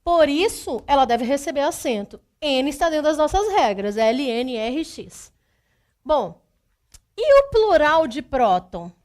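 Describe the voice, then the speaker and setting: A woman's voice: high voice, big pitch swings, measured pace, darkish tone. A woman teacher giving an exam-prep grammar lesson. She goes through the rules step by step, repeats them and often checks in with the listener. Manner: speaks straight to the student.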